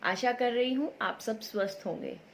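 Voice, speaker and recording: Woman, teacher, young children's lesson, drawn-out sounds, answers her own questions, fairly high voice. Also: slight background noise. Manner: slow, patient, asks questions and answers them herself; stretches sounds out to model pronunciation.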